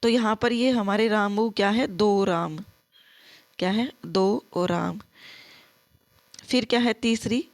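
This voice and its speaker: A woman gives an exam-prep grammar lesson at an unhurried, careful pace. Her pitch sits in an ordinary middle range, and she keeps repeating forms and asking her students to say them back with her. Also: steady tone. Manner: slow, repetitive, drills students in call-and-response; mixes English words into Hindi. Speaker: Sanskrit teacher.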